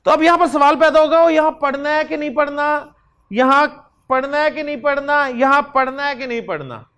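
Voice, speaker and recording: Male Arabic teacher with a very high voice who lectures patiently and drills students with questions. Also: pushed and bright. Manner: slow, repeats examples, drills students with questions. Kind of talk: classroom lecture.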